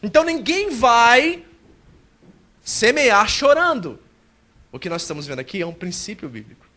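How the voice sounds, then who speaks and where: A male pastor preaching a sermon at a church service, animated and acting out a believer's complaints. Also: very high-pitched, normal speed.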